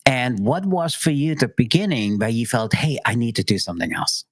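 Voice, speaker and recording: Hosting a podcast interview, a man chats casually and enthusiastically with his guest. His voice sits in the mid range at a moderate pace, with no echo.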